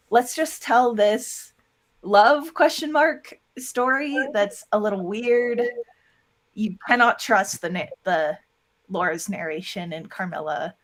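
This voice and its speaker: An audio drama producer chats casually as a guest in an interview, lively and frequently acting out short quoted lines. Her voice sits in the mid range.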